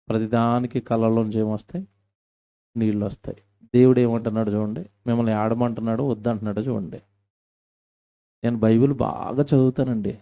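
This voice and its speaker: A man's voice: mid-range voice, mellow, highs cut off. A man preaching a live-recorded church sermon, asking the congregation questions and reading scripture with emphasis. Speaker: pastor. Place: church hall.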